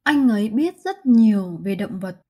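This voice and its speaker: Woman voicing phrase translations, even read, husky and warm. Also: mid-range voice, normal speed. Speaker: Vietnamese translation reader. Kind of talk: scripted translation reading.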